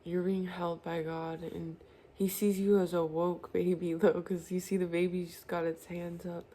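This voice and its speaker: A woman's voice: fairly low pitch, little pitch movement, moderate pace, dark tone. A woman giving an earnest, reassuring spiritual tarot reading, speaking directly to the viewer. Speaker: tarot reader.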